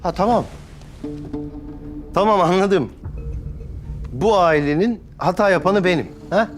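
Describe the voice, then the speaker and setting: An actor playing a quick-tempered older brother who talks in a bitter, defensive way. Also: male voice, sits high, faint music behind. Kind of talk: TV drama acting.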